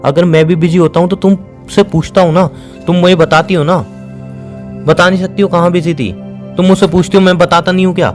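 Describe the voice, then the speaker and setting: A man's voice: high voice, fairly even intonation, brisk, faint music behind, close to an everyday voice. A young man playing a boyfriend in an acted phone-call drama, insistent and questioning, later patient and lecturing. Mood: defensive. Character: young boyfriend pressing his girlfriend on a call.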